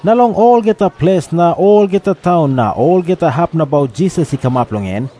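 A man's voice: on the high side, expressive, fairly quick, mellow. A man with a Papua New Guinean accent, reading scripture as a narrator. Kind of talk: scripted Bible narration in Tok Pisin.

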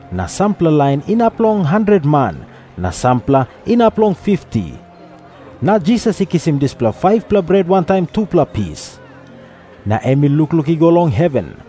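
A man's voice: a little high, wildly swooping pitch, moderate pace, dark tone, soft background music. A man with a Papua New Guinean accent, reading scripture as a narrator. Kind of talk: scripted Bible narration in Tok Pisin.

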